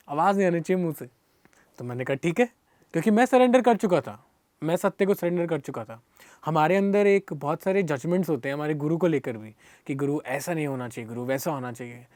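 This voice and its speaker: A man's voice: a little high, darkish tone, dry recording. A young man with a Hindi accent telling a personal story in an interview, earnest and emotional, often restarting and repeating himself. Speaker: guest.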